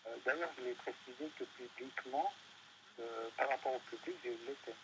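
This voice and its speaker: A man's voice: medium pitch, normal speed, noisy background. A man being interviewed, talking hesitantly with many fillers and restarts. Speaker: interview guest. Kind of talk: casual panel interview. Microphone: studio microphone.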